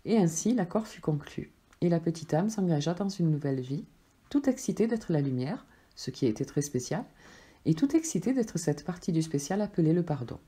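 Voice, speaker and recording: A woman, a life coach, reading a spiritual story aloud in a slow, gentle, measured way. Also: lowish voice, big pitch swings, husky.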